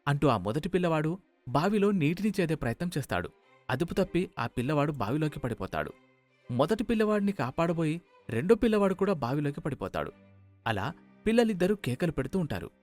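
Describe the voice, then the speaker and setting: A man narrating a scripted cartoon moral story in a steady, even manner. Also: a little high, a little fast, soft background music.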